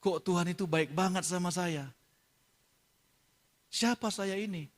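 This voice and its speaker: A middle-aged male pastor preaching a sermon in a somewhat high voice. He tells his stories softly and confidingly, then rises into loud, emphatic proclamation. The delivery is emotional throughout. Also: unhurried.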